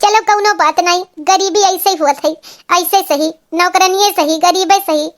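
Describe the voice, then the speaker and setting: Meek teen village girl voiced by a woman, piping high voice. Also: steady tone, moderate pace. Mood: humble. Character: poor teenage girl, meek and hardworking. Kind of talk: cartoon voice acting.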